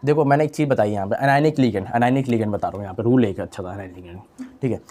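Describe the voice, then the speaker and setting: A man's voice: on the low side, fast, dark tone. A young man teaching a chemistry lesson in a casual style, repeating key terms and asking and answering his own questions. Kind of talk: online lecture.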